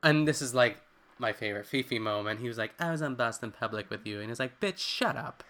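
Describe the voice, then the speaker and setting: Bright-voiced chatty man recapping. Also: medium pitch, quick pace. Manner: chatty, expressive, acts out quotes, swears casually. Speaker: podcast co-host. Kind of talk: casual recap chat.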